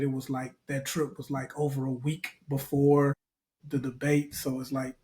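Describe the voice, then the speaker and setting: A man's voice: fairly high pitch, a little mellow. A man co-hosting a barbershop-style podcast in casual chat, loose and joking with slang. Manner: loose, joking, uses slang like bro and fam. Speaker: podcast co-host.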